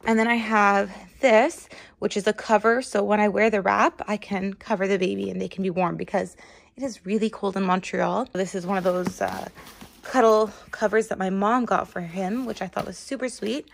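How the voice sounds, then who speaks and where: A woman's voice: mid-range voice, steady tone, moderate pace, vocal fry. A young woman in late pregnancy, chatting casually as she shows items one by one in a vlog. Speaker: vlogger. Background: background music.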